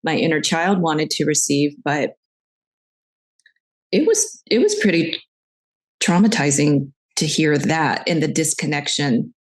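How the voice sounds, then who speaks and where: A woman's voice: sits low, expressive, unhurried, pauses often. A woman hosting a podcast interview, talking candidly and reflectively about her own experiences. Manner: candid, reflective, shares personal stories. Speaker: podcast host. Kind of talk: conversational interview.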